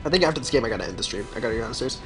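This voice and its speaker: A man's voice: medium pitch, animated, racing. Laid-back man streaming over game music. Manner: laid-back, mumbling asides, reacting to chat. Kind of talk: casual live-stream gameplay commentary.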